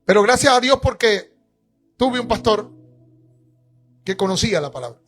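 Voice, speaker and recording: A male pastor preaching a church sermon, emphatic, rising at times to shouts. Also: sits high, expressive, normal speed, soft background music.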